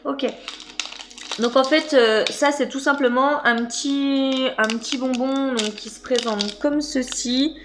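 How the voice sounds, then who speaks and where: A woman's voice: sits high, steady tone, slow pace, noisy background. A woman chatting casually as she unboxes snacks for her channel, hesitant and full of fillers. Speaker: vlogger.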